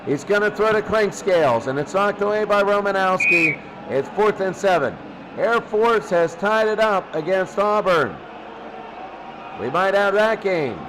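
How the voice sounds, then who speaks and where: A male sportscaster delivers American football play-by-play in a high-pitched, lively voice, taking his time. His phrases are short and clipped, and he repeats them for emphasis while loud background noise rumbles underneath.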